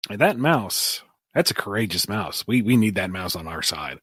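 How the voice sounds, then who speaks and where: A man's voice: on the low side, sing-song, normal speed, a bit bright, slightly rough, no room sound, studio quality. A man playing a text adventure who argues his plans in an earnest, persuasive way. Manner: earnest, persuasive, speaks in bursts. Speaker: player. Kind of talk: tabletop game banter.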